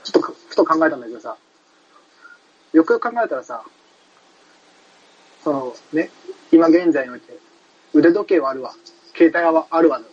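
A man's voice: on the high side, lively intonation, normal speed, pauses often, darkish tone, husky. A man telling a travel story in casual chat, rambling with many fillers and restarts. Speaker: podcast host recounting a trip. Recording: dull lo-fi sound.

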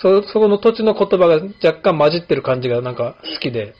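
Quick-paced and on the high side, a Kumamoto barber in his late fifties hosts a casual podcast, telling easygoing stories with plenty of fillers. The sound is slightly dull lo-fi.

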